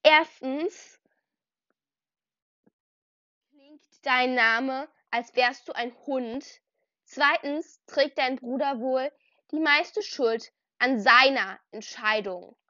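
A woman's voice: sits high, takes it slowly, bright, forceful tone, no echo, muffled recording, exaggerated voice. A woman voicing a stern, proud young female warrior cat who talks in a commanding, challenging way. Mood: scolding.

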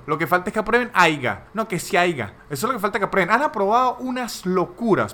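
A man's voice: fairly high pitch, bright, forceful tone. A man hosting a comedic podcast monologue, ranting in a sarcastic, mocking way. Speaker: podcast host.

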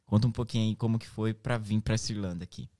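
A man with an interior São Paulo Brazilian accent hosts a casual, chatty podcast in a cracked, reedy voice, hoarse from shouting. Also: on the low side, fairly even intonation, fast, dry recording, studio quality. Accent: Brazilian, interior São Paulo state. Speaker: podcast host.

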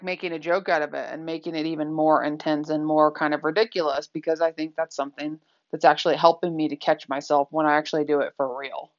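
A woman's voice: low voice, dull audio. A woman speaking candidly in a reflective personal talk, conversational and full of fillers.

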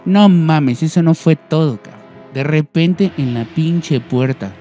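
Young Mexican guy spinning a spooky tale for his friends, high and mellow. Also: unhurried, faint music behind. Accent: Mexican Spanish. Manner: animated, acts out voices and screams, heavy slang. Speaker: storyteller guest. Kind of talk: casual chat, telling a ghost story.

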